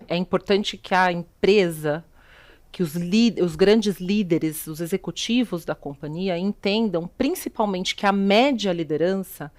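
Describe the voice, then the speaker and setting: Brazilian woman explaining with rhetorical questions. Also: on the low side. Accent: Brazilian Portuguese. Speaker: guest, sustainability executive. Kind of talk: videocast interview.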